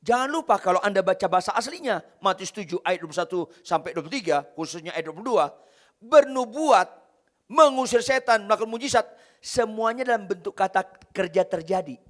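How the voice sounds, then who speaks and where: A man preaching a sermon as pastor, driving home points by repeating key phrases and swinging between loud and soft. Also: high-pitched, expressive, brisk. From Indonesia.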